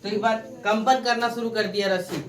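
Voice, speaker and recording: A woman's voice: mid-range voice, steady tone, a little fast, a little hiss or hum. A woman teaching a science class, repeating key points and asking the class questions for them to answer. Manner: repetitive questioning, prompts students to answer. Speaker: science tutor. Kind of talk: classroom lecture with call-and-response questions. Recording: echoey room, far from the mic.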